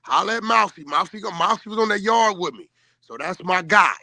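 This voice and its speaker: Man, high voice, piercing edge, insistent, boastful casual call, heavy street slang. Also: brisk, vocal fry, bright, forceful tone, no room sound.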